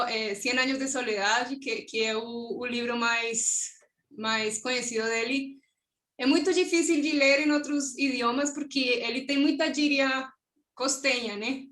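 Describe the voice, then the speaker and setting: A woman with a Colombian accent and a high, bright voice answers questions on an online academic panel. She is a native Spanish speaker and hesitates, hunting for the right word and often adding a questioning tag. Her video-call sound carries a noticeable room echo. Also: fairly even intonation, unhurried. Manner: hesitant, searching for words, many tag questions. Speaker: conference presenter.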